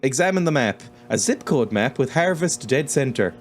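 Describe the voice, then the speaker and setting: A man's voice: mid-range voice, lively intonation, moderate pace, faint music behind. A young man giving wry, sweary commentary while playing a game, reading its text aloud and laughing often. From Ireland. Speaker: let's-play host.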